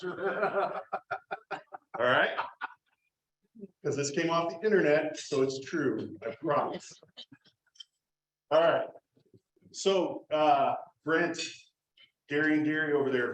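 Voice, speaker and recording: Man host at a service club meeting, playful deadpan patter, roomy hall with faint noise. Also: a little high. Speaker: fellowship presenter at club meeting. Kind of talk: casual joking announcements.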